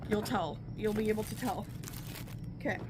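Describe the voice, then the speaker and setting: Over a very noisy background, a woman with a mid-range voice and a cold-clogged nose talks at a moderate pace as she crafts at home. She's a crafting vlogger, chatty and rambling, often cutting herself off mid-thought.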